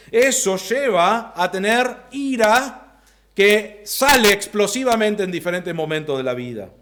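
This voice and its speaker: A man preaching an expository sermon from the pulpit in an Argentine Spanish accent, swinging from loud bursts to quiet low asides. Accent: Rioplatense Spanish. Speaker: pastor.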